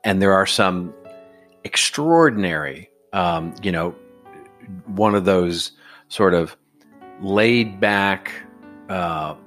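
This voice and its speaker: A very deep-voiced man with a Texan accent talks casually on a podcast, wandering through his thoughts with plenty of ums and restarts. Faint guitar music plays underneath. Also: animated, slow, long pauses, a bit bright. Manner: rambling, hesitant with many fillers. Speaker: regular guest, strategy advisor.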